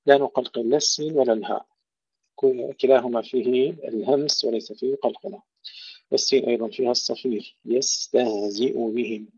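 Guy reciting slow and melodic then explaining tajweed quick, mellow voice, dry lo-fi sound. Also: medium pitch, gravelly, slightly rough, no room sound. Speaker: Quran recitation teacher. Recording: dull lo-fi dry recording.

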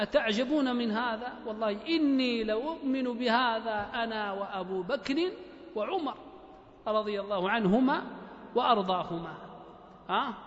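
A Libyan man with a very high voice gives a mosque lecture in a rhetorical style, repeating key phrases and asking the listeners quick questions. His voice rings through a large hall with a long echo. The recording is slightly dull and lo-fi. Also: fairly bright tone. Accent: Libyan Arabic. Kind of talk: religious lecture.

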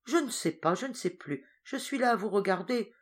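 A woman's voice: mid-range voice, lively intonation, normal speed, husky, voice pushed up. Brief: a woman reading a flustered young man in love, hesitant, without much change of voice. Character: awkward young male engineer, flustered lover.

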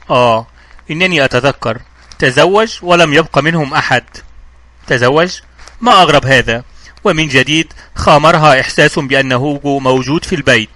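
A man narrating a novel as an audiobook in a steady, measured reading. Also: a little high, no room sound. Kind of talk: scripted narration.

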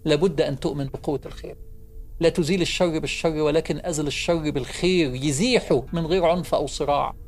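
A man's voice: fairly high pitch, steady tone, fast talker, soft background music. A man with an Egyptian accent giving a televised sermon. He tells stories with emphasis, repeats his key phrases and calls out to his listeners directly. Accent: Egyptian Arabic. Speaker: preacher.

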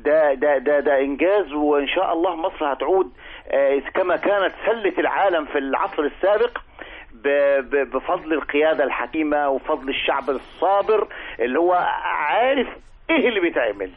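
Egyptian sheikh calling in over the phone, tinny line, talks quick, piles on blessings. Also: male voice, fairly high pitch, lively intonation. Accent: Egyptian Arabic. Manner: effusive, full of blessings and courtesies. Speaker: call-in caller, a sheikh. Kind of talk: call-in radio chat.

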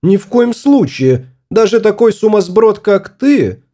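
A sharp-tongued young wife aboard a small spaceship, as a male reader puts her on, her voice lifted high and swinging widely as she scolds. The tone stays soft and mellow underneath, a storybook spouse who snaps back at every word. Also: big pitch swings, measured pace, full character voice. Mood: angry.

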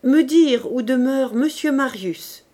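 A woman's voice: high voice, slow pace, warm tone, pitched above the performer's own voice. A woman voicing a bold ragged girl.

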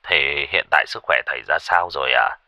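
A man's voice: rumbling low, a little fast, sharp tone, no echo, lo-fi sound, voice pushed down, full character voice. A man voicing an anxious older man of a grieving family, speaking politely and with worry. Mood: worried polite. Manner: polite, worried.

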